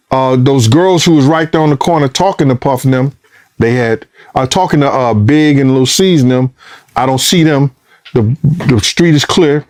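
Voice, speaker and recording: Man telling a street story, swears a lot, acts out the voices, gets loud and high when it heats up, kinda high voice overall. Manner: profane, re-enacts dialogue, voice climbs high and loud when excited. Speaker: former bodyguard recounting events. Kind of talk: vivid storytelling in casual interview.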